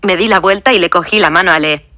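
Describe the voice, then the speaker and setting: A woman narrating a first-person audiobook, reading even the punctuation aloud. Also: lowish voice, fast, dry recording, studio quality.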